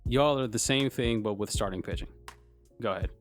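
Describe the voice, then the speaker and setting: A man's voice: fairly low pitch, fairly quick, soft background music. A man co-hosting a podcast, talking casually with slang and teasing his co-host in a mock-dejected way. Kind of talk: casual sports chat.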